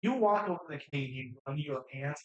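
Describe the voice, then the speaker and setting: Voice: mid-range voice, expressive, moderate pace, dull audio. Rambling game master in an echoey room. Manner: loose, rambling, profane narration. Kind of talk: narrating a tabletop game.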